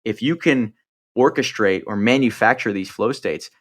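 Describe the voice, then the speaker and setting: A man's voice: fairly low pitch, moderate pace, a bit bright. A man hosting a podcast interview, encouraging his guest and summing up ideas in a friendly, conversational way. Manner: encouraging, sums up and adds ideas. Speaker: podcast host. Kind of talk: interview chat.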